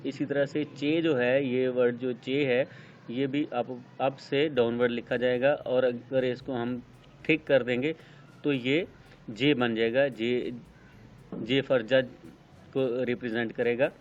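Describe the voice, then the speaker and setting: Brief: Pakistani male tutor, even monotone delivery, slow step-by-step explanation, dull lo-fi recording. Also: mid-range voice. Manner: unhurried, explains step by step with many pauses and fillers. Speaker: shorthand teacher. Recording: dull lo-fi sound with faint noise.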